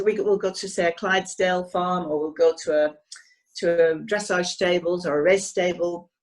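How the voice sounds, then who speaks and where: In a low-quality recording of a video call interview, a woman who paints horses talks with many pauses and restarts. Her voice is fairly low in pitch and a little hoarse.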